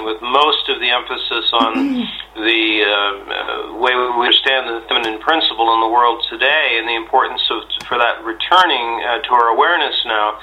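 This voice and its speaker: A man talks through an interview answer, halting often with fillers and restarts and now and then clearing his throat. His voice is very bright and forward, set in the middle of the male range. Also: medium pitch, poor audio. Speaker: interviewee, shamanic astrology teacher.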